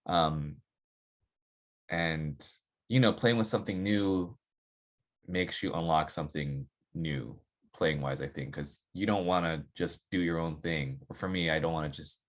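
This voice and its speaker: A man, a saxophonist guest on a podcast, chatting casually and loosely, full of "like" and "you know". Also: very deep voice. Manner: relaxed, rambling, filler-heavy with many "like" and "you know".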